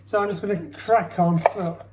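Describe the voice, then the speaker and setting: At home in the kitchen, this co-host of a cooking demonstration jokes and chats as he chops. He talks at normal speed in a high voice with a steady tone, and the echoey room carries background noise and the sound of chopping.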